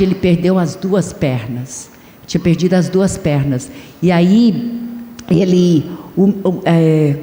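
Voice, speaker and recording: A woman preaching a sermon and telling a story, halting now and then with fillers and restarts. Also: medium pitch, dark tone. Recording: echoey hall with long reverb.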